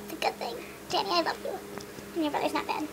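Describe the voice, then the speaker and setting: Young woman, high voice, giggly, teasing, casual home video, loud background hiss. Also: flat delivery, quick pace, creaky. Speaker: vlogger. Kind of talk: casual silly chat with a friend. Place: a house, indoors. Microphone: camera mic. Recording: noisy home camera recording.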